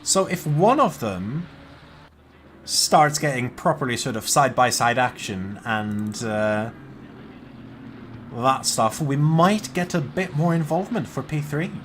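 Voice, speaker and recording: Male esports race caller, banter-heavy, mid-pitched voice. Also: unhurried, a bit bright, a little hiss or hum. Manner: jokey, swears, laughs between calls. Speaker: sim racing commentator. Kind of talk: casual esports race commentary.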